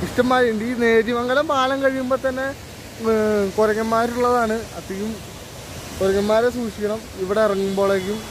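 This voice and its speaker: A man in his twenties with a Kerala Malayali accent, chatting casually to vlog viewers and mixing English words into his Malayalam. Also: very high voice. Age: 20s. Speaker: travel vlogger. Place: outdoors by roadsides, dam and waterfall. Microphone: handheld phone at arm's length. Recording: noisy outdoor roadside, wind and traffic.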